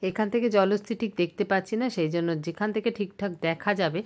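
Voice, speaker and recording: A woman with a medium-pitched voice vlogs while walking around a zoo outdoors, talking fast and chattily to a handheld camera. She excitedly points things out, and a crowd can be heard behind her.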